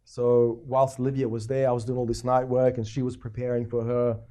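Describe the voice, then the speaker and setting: A Croatian man in his forties, a festival founder, appears as a guest in a casual interview and tells his story with lots of fillers and repeated starts. His mid-range voice is dark and level, and he talks a little fast.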